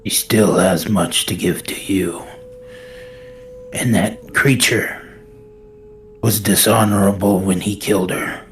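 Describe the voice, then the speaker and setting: A man's voice: on the low side, steady tone, slow, long pauses, slight background noise, low-quality recording. A man voicing an earnest fantasy warrior pleading with his god in a tabletop game, firm and formal.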